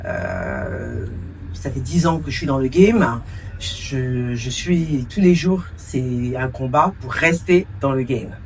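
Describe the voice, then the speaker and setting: A woman's voice: a bass voice, sing-song, takes it slowly, recorded from a distance, a little hiss or hum. A woman in her forties, raised in France, answering interview questions as a cultural entrepreneur and producer, thoughtful, with many hesitations and a few English words mixed in.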